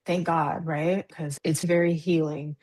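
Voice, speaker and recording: A woman's voice: low-pitched, little pitch movement, unhurried, darkish tone. A woman, a psychic medium, talking earnestly as a guest on a podcast and laughing easily. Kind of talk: casual podcast conversation.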